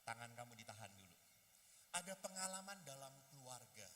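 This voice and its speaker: A man, a priest, giving a lively talk to young people and acting out the voices of people in his stories. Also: mid-range voice, a little fast, long reverb tail. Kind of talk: lively youth talk with acted dialogue. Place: hall at a youth gathering.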